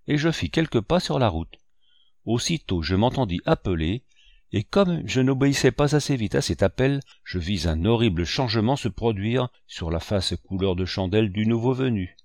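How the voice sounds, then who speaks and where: Low-voiced man narrating an audiobook. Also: darkish tone, no echo, clean studio sound. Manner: measured storytelling. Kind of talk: scripted narration.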